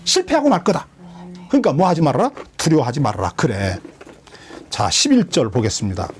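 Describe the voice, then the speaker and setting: A man's voice: mid-range voice, brisk, slight background noise. A man preaching an expository sermon as a pastor, questioning his listeners and acting out quoted lines. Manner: lively, questioning the congregation, dramatic quoted voices.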